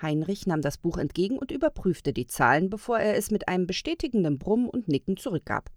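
A woman narrating a fairy tale in a calm, measured reading. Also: fairly low pitch, no echo, clean studio sound. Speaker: storyteller. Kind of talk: storybook narration.

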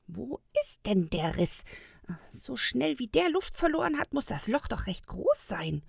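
A woman voicing an old male gnome stationmaster who mutters and grumbles gruffly. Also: deep voice, huge pitch swings, a little slow, sharp tone, no room sound, studio quality, full character voice. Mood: grumbling.

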